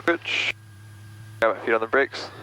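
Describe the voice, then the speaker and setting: Over an aviation headset intercom in a small plane's cockpit, a young student pilot chats casually and calls out checklist items. His medium-pitched voice is smooth and unhurried, though the recording is rough. He's relaxed, jokes around, and swears casually.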